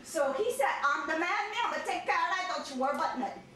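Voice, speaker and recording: A woman comedian with a Cajun accent spins folksy comic stories in a very high, bright voice that she uses to act out dialogue. She is recorded from across a living room, so the sound is strongly echoey. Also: fast talker, slight background noise. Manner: animated, folksy, acts out quoted dialogue. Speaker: comedian hired to entertain at a house party. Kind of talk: comic storytelling with audience banter. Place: crowded living room at a party. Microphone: camera across the room. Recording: echoey living room, distant camera microphone.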